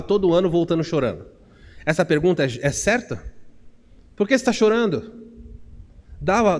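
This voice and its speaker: A man's voice: high voice, darkish tone. A Brazilian man preaching an expository sermon as pastor, earnest and putting questions to his congregation. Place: church sanctuary. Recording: long church reverb.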